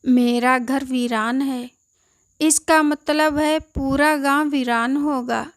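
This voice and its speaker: A woman's voice: sits high, no room sound. A woman voicing a frail old village man left behind by his family, pleading and bewildered.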